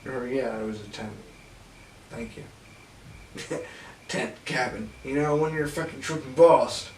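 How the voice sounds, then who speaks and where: A young man recounting a story in loose, profane, unhurried talk that keeps breaking into laughter. He sits well back from the mic in an echoey room, with a faint hiss underneath. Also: mid-range voice, far from the mic. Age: young adult. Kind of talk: casual storytelling interview.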